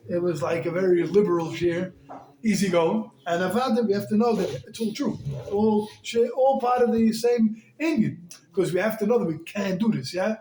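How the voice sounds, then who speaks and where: A high-pitched man teaching a Torah class, lively and animated as he talks. He folds Yiddish and Hebrew terms into his English. The room around him is roomy and echoey. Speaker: rabbi.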